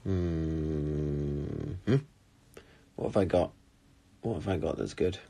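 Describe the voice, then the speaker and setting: A man's voice: very deep voice, fairly even intonation, slow pace, gravelly, warm tone. A young man casually chatting on a live phone stream, talking animatedly and reading out viewer comments from a small room. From England. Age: young adult. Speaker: livestream host answering viewer questions. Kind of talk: casual chat. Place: small room indoors, seated on red sofa. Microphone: phone at arm's length.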